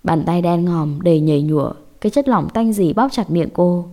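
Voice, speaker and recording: A woman telling a scripted horror story in a measured, dramatic way. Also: lowish voice, warm tone.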